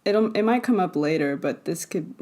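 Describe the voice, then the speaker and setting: A woman's voice: lowish voice, expressive, moderate pace, a little mellow. A woman hosting a casual podcast chat, talking hesitantly with lots of fillers and easy laughs. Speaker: podcast host.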